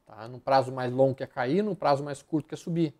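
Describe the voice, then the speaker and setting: A man's voice: mid-range voice, a little fast, a little mellow. A man with a Brazilian Portuguese accent giving live stock market commentary over charts, blunt and slangy, rattling off repeated words as he flips through them.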